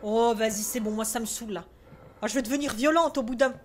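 Jumpy high-voiced French woman streamer. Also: fast, a little hiss or hum. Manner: jumpy, swearing, talking to herself while scared. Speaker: gaming streamer. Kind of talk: let's play commentary.

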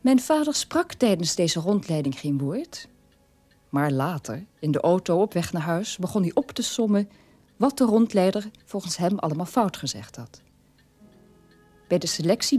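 A husky, somewhat low, slightly mellow voice belongs to an actress portraying a war criminal's sober middle-aged daughter. She recounts her past in a measured monologue for a radio play.

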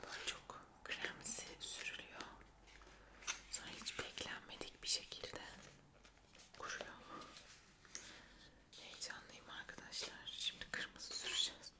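A woman chatting playfully to viewers in a breathy ASMR whisper with soft mouth sounds, close to the microphone. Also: measured pace, pauses often. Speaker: ASMR video creator. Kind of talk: soft ASMR whisper, casual chat while trying on lipsticks.

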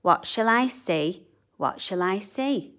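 A woman reading a children's picture book aloud in a slow, sing-song, expressive way. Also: medium pitch. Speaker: children's storybook reader. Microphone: camera above a book on a table.

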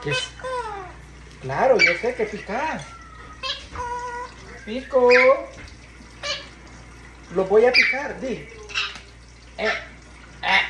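A woman coos at her pet in slow, drawn-out baby talk. Her pitch leaps up and down playfully. The echoey home kitchen carries the clear sound of running water and clattering dishes. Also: big pitch swings, very noisy. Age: adult. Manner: coaxing, sing-song baby talk. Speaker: pet parrot owner.

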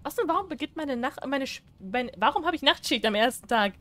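High-voiced woman doing let's play chatter. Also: expressive, fast talker, a bit bright, a little hiss or hum. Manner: chatty, teasing, reads prompts aloud, laughs often. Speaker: gaming YouTuber.

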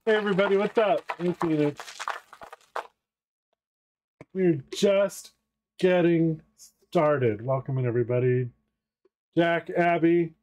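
Male variety streamer, casual and playful, slightly raised pitch, slow easy delivery. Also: a little mellow. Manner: playful, laughs often, greets viewers. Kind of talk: casual live-stream chat.

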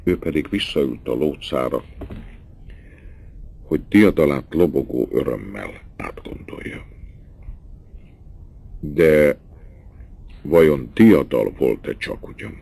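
A man reads a novel aloud in a measured, dramatic way. His voice is extremely deep, with a gravelly fry and a slightly husky edge. His pitch moves in lively rises and falls. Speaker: audiobook narrator. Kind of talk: literary audiobook narration.

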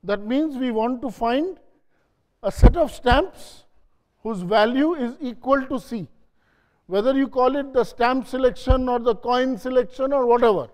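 A man's voice: very high voice, moderate pace, a little mellow. A man giving a classroom lecture, repeating key phrases and quizzing his audience. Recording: long hall reverb.

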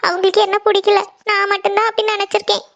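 A woman's voice: very high voice, flat delivery, creaky, a bit bright, muffled recording, heavily acted. Woman voicing Nandhini, heartbroken tearful young woman. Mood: sad. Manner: halting, self-pitying. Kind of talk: cartoon voice acting.

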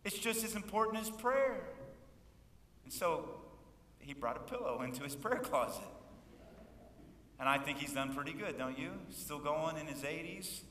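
A man's voice: fairly high pitch, lively intonation, normal speed, pauses often, bright, forceful tone, slight background noise. A man in his fifties preaching a sermon as pastor, folksy and joking, calling for responses from the congregation. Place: church sanctuary. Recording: echoey church hall from far off.

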